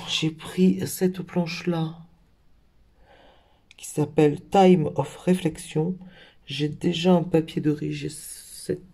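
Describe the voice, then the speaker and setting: Gravelly, mellow-voiced man chatting about crafts. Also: a little high. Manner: hesitant, with frequent fillers and self-corrections. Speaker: craft vlogger. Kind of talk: casual haul video show-and-tell.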